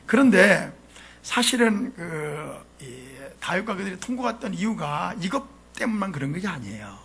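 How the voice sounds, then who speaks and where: A man preaching a sermon as pastor, animated and often asking the congregation questions. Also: high voice, moderate pace, husky. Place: church sanctuary.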